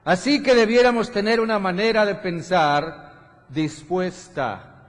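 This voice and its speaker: Slow Colombian pastor preaching in a hall. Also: male voice, high-pitched. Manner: measured preaching with rhetorical questions and quoted voices. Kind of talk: sermon. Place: large church hall. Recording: church hall reverb.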